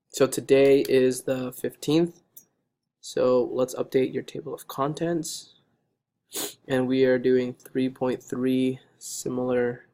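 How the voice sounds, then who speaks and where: Flat-voiced, slightly hoarse male teacher. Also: medium pitch. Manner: steady, patient, checks in with repeated okays. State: hoarse, losing his voice. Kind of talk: recorded math lesson over digital notes.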